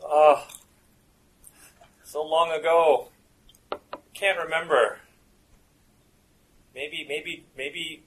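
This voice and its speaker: A man voicing a hazy, broke English stoner who rambles slowly and hesitantly, with an English accent. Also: fairly high pitch, steady tone, noisy background. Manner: slow, rambling, hesitant drawl.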